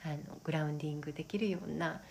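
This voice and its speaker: A woman co-hosting a casual wellness podcast, speaking gently and haltingly, often checking for agreement. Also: low-pitched, fairly even intonation, creaky. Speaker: podcast co-host. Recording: noticeable background noise.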